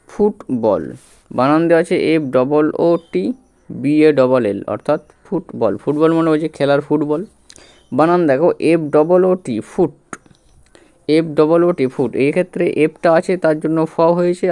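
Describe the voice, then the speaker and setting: A man's voice: a little high, mellow, smooth. A man teaching English reading step by step, spelling words letter by letter and quizzing his students as he goes. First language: Bengali. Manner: patient, repetitive, spells out letters and quizzes the viewer.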